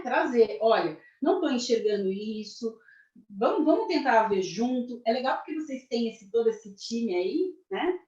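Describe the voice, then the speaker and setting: Brazilian woman career coach, high-ish and very expressive, training a corporate audience, echoey and muffled recording. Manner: lively, addresses the audience directly, acts out example phrases. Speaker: career mentor. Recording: echoey, dull lo-fi sound.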